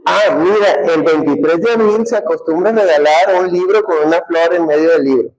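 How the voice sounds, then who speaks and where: A man's voice: on the high side, moderate pace, a little mellow, voice pushed up, natural voice, rough recording. A man putting on a coy hinting woman. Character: woman hinting at what she wants.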